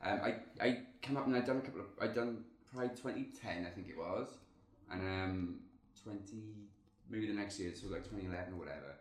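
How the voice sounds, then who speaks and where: Fast-talking Welshman with a Swansea accent. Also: deep voice. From Swansea, Wales. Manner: rambling, self-deprecating, colloquial. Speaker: podcast guest, drag performer. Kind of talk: casual chat. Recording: echoey room.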